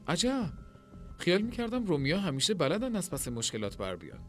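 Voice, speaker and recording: A man's voice: medium pitch, sing-song, faint music behind, close to an everyday voice. A man doing a sly Babylonian scholar. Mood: sarcastic. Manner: dry, ironic. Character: sly, sharp-witted male Babylonian scholar.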